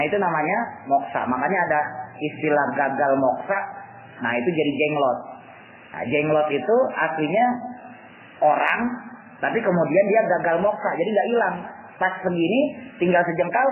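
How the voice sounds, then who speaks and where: A man giving a casual religious lecture in a colloquial, joking way, often acting out what others said. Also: fairly high pitch. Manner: colloquial and joking, acts out quotes. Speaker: religious teacher. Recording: tinny echoey lo-fi recording with faint noise.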